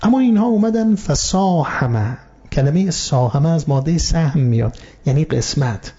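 Dark-voiced man preaching a sermon. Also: fairly high pitch, animated, slightly rough. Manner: explanatory, addresses audience politely, quotes Arabic verses. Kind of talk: sermon on Quranic story. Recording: muffled lo-fi recording.

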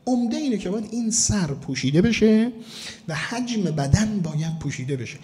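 A man from Mashhad delivering a sermon as a cleric, emphatic and slowing down to stress key words. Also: sits high, expressive, warm tone. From Mashhad, Iran. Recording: long hall reverb.

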